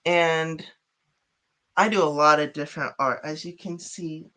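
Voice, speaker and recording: Bright, giggly man, chatty guest artist. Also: fairly high pitch, fairly even intonation, unhurried, clear, resonant tone. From Chicago. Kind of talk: casual interview chat.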